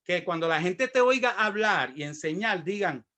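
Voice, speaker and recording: A Puerto Rican pastor in middle age delivers a sermon built on his own testimony. His voice sits high and sounds bright and forward. He tells his story with energy and acts out the voices of the people in it. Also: animated, normal speed. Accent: Puerto Rican Spanish.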